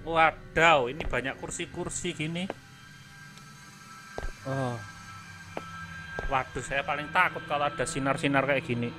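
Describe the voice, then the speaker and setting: A man streaming a horror game live, chatty and apologetic, breaking into startled shouts. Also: on the high side, fairly even intonation, unhurried, long pauses. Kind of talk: live gameplay commentary. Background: game music.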